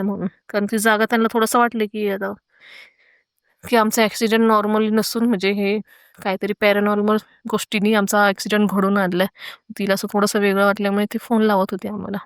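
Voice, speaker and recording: A woman earnestly recounting her own frightening experience, pausing with hesitant fillers. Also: medium pitch, clean tone, dry recording, clean studio sound. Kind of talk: first-person horror account.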